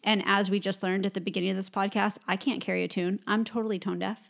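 An upbeat woman in her forties, co-hosting a casual podcast. She talks in a relaxed, chatty way at an ordinary pitch for a woman. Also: fast talker, gravelly. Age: 40s. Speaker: podcast co-host. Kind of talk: casual chat.

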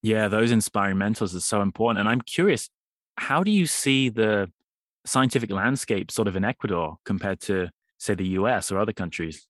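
A man's voice: lowish voice, animated, moderate pace, fairly bright tone, no room sound, studio quality. A man hosting a science podcast, reading a polished introduction and asking questions. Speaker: podcast host. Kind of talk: scripted introduction and interview.

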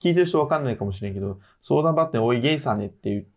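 A man co-hosting a podcast in casual chat, talkative and quick with short agreeing nods. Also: mid-range voice, lively intonation. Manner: chatty, reacts with short nods. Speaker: podcast co-host.

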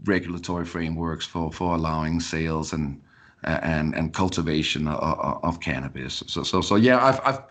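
Speaking at normal speed, this man has a rumbling low voice with a fairly bright tone. He's from Denmark and is a guest on a podcast in Colorado, talking casually in interview style and frequently restarting sentences by repeating words.

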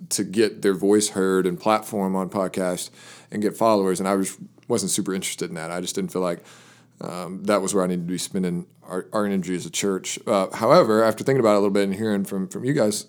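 A man who is a lead pastor, hosting a casual podcast chat in a relaxed, rambling way with frequent restarts. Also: fairly low pitch. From Southern Illinois.

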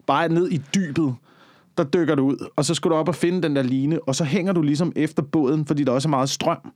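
A man co-hosting a casual podcast, rambling through long stories and swearing freely. His voice sits a little high for a man. The sound is dry and close to the mic, with no room tone. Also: fairly even intonation, a little mellow, no room sound. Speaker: podcast co-host.

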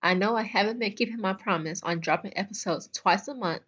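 A woman's voice: medium pitch, a little fast, a bit bright, dull audio, slight background noise. A young adult woman hosting a solo podcast, talking bluntly and chattily straight to her listeners. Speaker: podcast host. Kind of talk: casual solo podcast talk.

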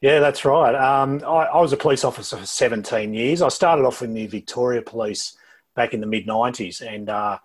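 A middle-aged Australian man speaking as an interview guest over a low-quality video call, talking in a halting way and often repeating words before going on. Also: breathy edge. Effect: low-quality video call audio. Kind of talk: casual interview talk.

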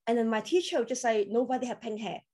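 In a casual podcast interview, a crypto coach from Hong Kong tells her story chattily, using many fillers and loose grammar, as Cantonese is her first language. She speaks fast, with a fairly high, mellow voice.

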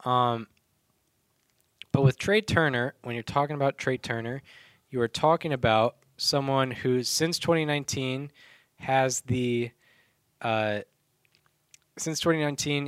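A man's voice: mid-range voice, a little slow, pauses often, a bit bright, smooth, no echo. A man co-hosting a casual sports podcast, talking with many fillers and restarts. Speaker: podcast co-host.

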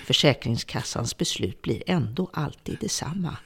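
A woman's voice: rumbling low, lively intonation, creaky, breathy edge, exaggerated voice. An actress playing a worn-out middle-aged woman who has become a bitter, vengeful captor, speaking in a brooding, resentful monologue. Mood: grim. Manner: bitter, brooding monologue turning to hushed menace. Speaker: embittered former home care worker holding a captive. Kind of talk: radio drama acting.

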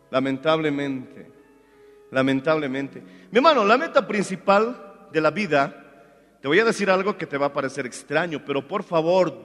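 A male pastor preaching a sermon, fervent, swinging from shouted praise to hushed asides. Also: on the high side. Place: church hall. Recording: hall reverb with faint music.

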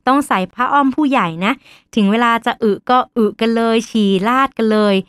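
A woman doctor hosts a storytelling podcast in a fairly high voice. She tells her story in a lively way and slips into the voices of the people in it. The recording is dry and close. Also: fairly quick, clean tone, dry recording.

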